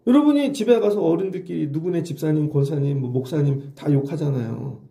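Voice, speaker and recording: A man's voice: on the high side, brisk, gravelly, mellow, echoey room. A middle-aged male pastor giving an early-morning sermon in a conversational way, often asking the congregation questions. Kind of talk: dawn sermon.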